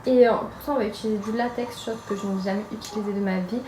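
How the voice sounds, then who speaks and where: A woman's voice: mid-range voice, steady tone, fast. Chatty young woman in a roomy echo. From France. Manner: chatty, hesitant, with frequent fillers. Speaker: makeup vlogger. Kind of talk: casual makeup tutorial narration. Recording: roomy echo with music behind.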